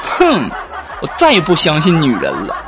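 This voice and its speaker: A man hosting a comedy show, telling short funny stories in an animated way and acting out the voices of the people he quotes. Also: on the high side, normal speed, a crowd in the background, background noise. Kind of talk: scripted comic monologue.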